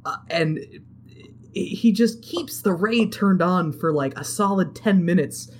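A woman's voice: on the low side, lively intonation, takes it slowly, darkish tone, a little hiss or hum. A woman in casual chat, recapping a video game's story with a co-host, swearing freely and acting out characters' lines. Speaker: podcast co-host recapping a game.

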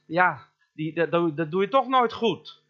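A man preaching a sermon as a pastor, chatty and joking, asking the congregation questions and slowing down to stress key words. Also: fairly high pitch, animated, dull audio. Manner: conversational and joking, asks the listener questions.

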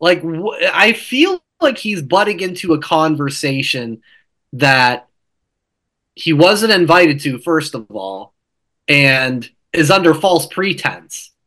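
A man's voice: on the high side, lively intonation, slow pace, pushed and bright. A man co-hosting a wrestling podcast, rambling and laughing as he rants with many restarts. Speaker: podcast co-host. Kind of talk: casual wrestling podcast chat.

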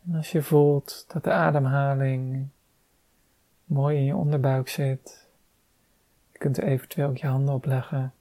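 Slow, mellow-voiced meditation guide. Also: mid-range voice, no room sound. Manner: calm, soft-spoken, unhurried instructions with long pauses.

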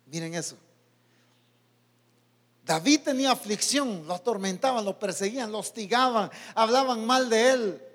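Pastor, high voice, preaching loud then dropping quiet, big echo from the church hall. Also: male voice, moderate pace, long pauses. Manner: preaching with sudden loud peaks and quiet low drops; speaks to his own soul in asides. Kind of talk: sermon. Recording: long church reverb.

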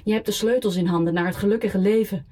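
Woman doing a drunk guy begging his ex on the phone, loud and crude, kinda husky, audiobook. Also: medium pitch, lively intonation, measured pace. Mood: drunk pleading. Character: drunk desperate middle-aged man pleading on phone.

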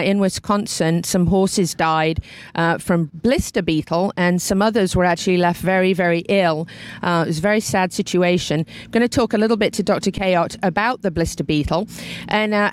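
Mid-pitched woman hosting a talk show.

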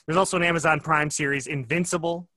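An upbeat man hosts a casual film podcast, chatty and loose with his fillers. His voice is bright and forward. The sound is dry and close, with no room around it. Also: fairly high pitch, fairly even intonation, fast talker, no room sound. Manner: upbeat, sing-song greeting, loose with fillers. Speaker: podcast host.

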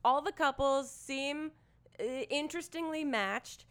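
A woman co-hosting a podcast in casual chat, animated and rambling, laughing often, wired from chugging a coffee. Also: high voice, unhurried. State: caffeinated after chugging coffee. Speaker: podcast co-host.

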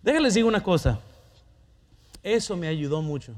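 A man's voice: high voice, sing-song, normal speed, a little mellow. A middle-aged man preaching a sermon, telling a personal story and asking the congregation questions.

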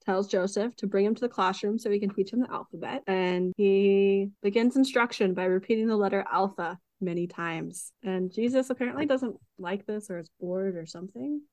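A woman's voice: mid-range voice, normal speed, few pauses, a little mellow, no room sound, rough recording. A woman co-hosting a casual podcast, reading old text passages aloud and adding dry asides. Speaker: podcast co-host reading the story.

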